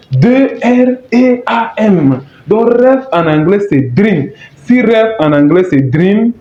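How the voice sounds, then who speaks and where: A man teaching a language lesson, repeating phrases slowly and spelling words out letter by letter. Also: high-pitched, warm tone, slight background noise. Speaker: English teacher. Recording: echoey, dull lo-fi room sound.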